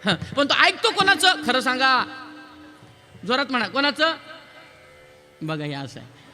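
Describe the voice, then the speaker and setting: A male devotional preacher delivering a lively sermon, teasing and quizzing his live audience. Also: very high-pitched, measured pace. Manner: lively, quizzes and teases the crowd, counts raised hands. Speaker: kirtan preacher.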